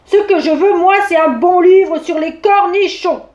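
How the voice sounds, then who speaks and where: A woman voicing a big, grumpy male bear who grumbles and nearly shouts in a storybook reading. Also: high-pitched, animated, moderate pace, roomy sound, highs cut off. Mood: grumpy, loud. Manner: grumbling, raises voice to near shouting.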